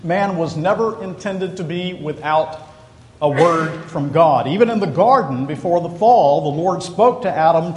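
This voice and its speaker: A man preaching a sermon, stressing key words by repeating them slowly. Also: a little high, a little mellow. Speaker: pastor. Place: church sanctuary. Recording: echoey church hall.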